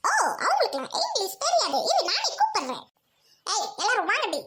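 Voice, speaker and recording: A woman's voice: very high-pitched, wildly swooping pitch, fairly quick. A woman dubbing a kids' cartoon, bossy and teasing in her lines. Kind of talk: cartoon dubbing, many voices. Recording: noisy homemade recording.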